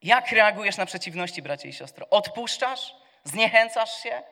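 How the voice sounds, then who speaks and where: Bright-voiced preacher in an echoing church. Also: male voice, high voice, expressive, moderate pace, creaky. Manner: asks the congregation questions and answers them; swings from soft to loud, shouting the cries. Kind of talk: sermon. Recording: long reverb of a church hall.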